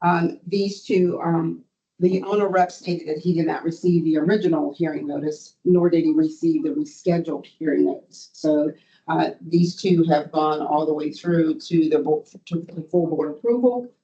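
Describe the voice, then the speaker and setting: A board administrator giving a formal procedural report at a meeting, speaking in a halting way. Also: mid-range voice, steady tone, dark tone. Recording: muffled, band-limited meeting audio.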